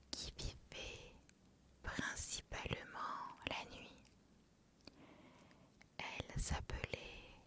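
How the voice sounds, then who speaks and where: Female ASMR storyteller for a bedtime tale, whispered and breathy, very slow, quiet night-time soothing delivery.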